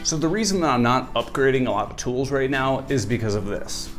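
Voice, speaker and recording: Animated and brisk, this young man in his twenties hosts a woodworking channel and tours his small garage workshop in a casual, friendly way with a dry wit. His mid-range voice is captured on a wireless lapel mic over faint background music.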